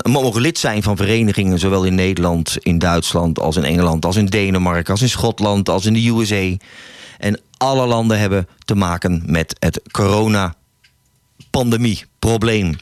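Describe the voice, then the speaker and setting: A man's voice: low voice, normal speed, no echo, clean studio sound. A middle-aged man hosting a village radio show, talking earnestly and stumbling and restarting now and then. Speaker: local radio host. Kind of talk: casual radio talk and poem reading. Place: small radio studio.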